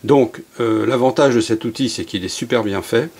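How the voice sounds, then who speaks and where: A middle-aged man giving a relaxed, chatty hands-on workshop demonstration as an archery instructor, with many fillers and asides. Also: medium pitch, normal speed, husky.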